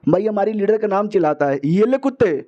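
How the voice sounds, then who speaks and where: A man's voice: high-pitched, lively intonation, fairly quick. A man voicing a hot-tempered female elder who hurls insults, heard as a dull lo-fi recording. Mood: furious. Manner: insulting, shouting threats.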